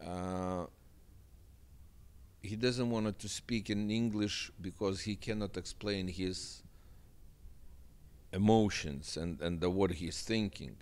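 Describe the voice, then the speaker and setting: Speaking slowly with long pauses, a deep-voiced boxing manager of Russian first language has a darkish tone. He sits for an interview on a studio sofa set, handheld mic in hand, earnest and emphatic and prone to repeating phrases.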